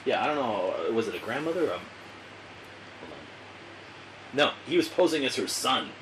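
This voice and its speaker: A man hosting a podcast in casual chat, telling stories in a wry, profane, animated way. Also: medium pitch, moderate pace, a crowd in the background, low-quality recording. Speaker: podcast host.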